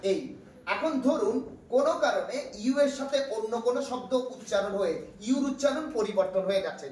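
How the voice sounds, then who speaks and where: A man with a Bangladeshi accent teaching a classroom grammar lesson, patiently asking his class questions and repeating his points. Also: extremely high pitch. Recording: echoey room from far off, faint noise.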